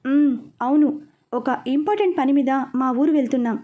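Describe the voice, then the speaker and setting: Calm, teasing young man, read by a woman. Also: high-pitched, normal speed, narrow, tinny audio, lightly acted. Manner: teasing, matter-of-fact.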